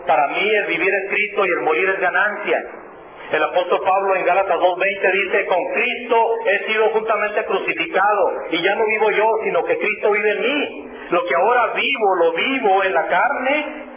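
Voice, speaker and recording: A man preaching a sermon in an earnest way, repeating key phrases and addressing his listeners as brothers. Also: high-pitched. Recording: echoey tinny phone-like radio broadcast with noise.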